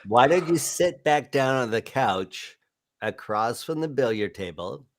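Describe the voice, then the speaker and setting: A man's voice: medium pitch, animated, measured pace. A man hosting a paranormal livestream remotely from his home setup, talking casually with an easy laugh. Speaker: livestream host.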